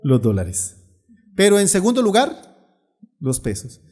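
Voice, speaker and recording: Middle-aged pastor preaching with humor and lively asides, slightly high voice. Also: male voice, a little slow. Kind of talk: sermon.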